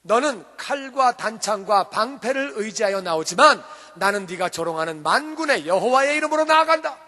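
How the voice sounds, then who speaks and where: A man's voice: sits high, fast talker, a bit bright, in a large hall. A man voicing a confident young shepherd boy who insists earnestly that he will fight. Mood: defiant.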